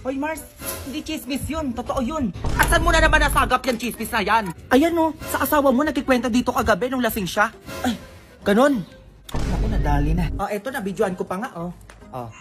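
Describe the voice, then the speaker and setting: A woman performing comic family skits, switching quickly between bickering characters. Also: fairly high pitch, over music. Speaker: comedy sketch creator.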